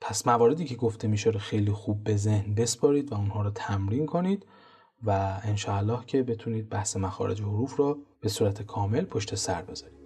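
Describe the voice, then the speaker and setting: Mellow husky teacher. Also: male voice, fairly low pitch. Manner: calm, methodical explanation with chanted example words. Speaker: Quran recitation teacher. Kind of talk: instructional lesson on tajweed pronunciation.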